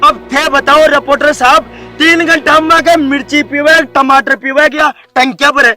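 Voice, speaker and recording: An actor playing a stubborn male village headman with a Rajasthani accent who pleads and shouts demands at a politician. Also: very high voice, steady tone, normal speed, full character voice. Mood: complaining. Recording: background music and crowd noise.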